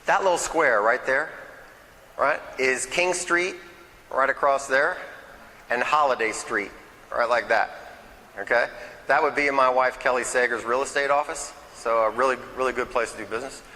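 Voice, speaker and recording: A man's voice: mid-range voice, moderate pace, pushed and bright, big-room sound, a little hiss or hum, low-quality recording. A man giving a nervous, chatty local history talk to a small audience, often checking in with "okay?" and "right?". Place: meeting hall, in front of a crowd.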